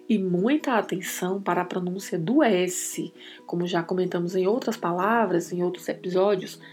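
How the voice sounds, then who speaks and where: Woman teaching Spanish pronunciation slowly. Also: mid-range voice, a little mellow. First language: Portuguese. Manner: slow, careful pronunciation drills. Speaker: Spanish teacher and podcast host. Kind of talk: podcast language lesson.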